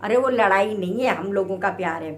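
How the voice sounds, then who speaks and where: A woman's voice: mid-range voice, a little fast. Chatty woman telling a family story. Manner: lively, acts out family banter in different voices. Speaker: vlogger. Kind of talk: casual storytelling vlog.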